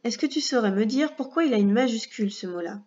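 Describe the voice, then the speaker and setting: A woman teaching a first-grade reading lesson, speaking patiently with clear articulation and talking straight to the child. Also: fairly high pitch, expressive, quick pace, darkish tone, lo-fi sound.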